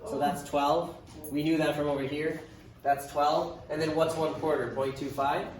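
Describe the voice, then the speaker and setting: A man's voice: on the high side, flat delivery, normal speed, recorded from a distance. A man teaching a math class, thinking aloud as he works through problems, casual with dry sarcasm. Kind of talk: classroom lecture. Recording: echoey classroom from afar, hiss.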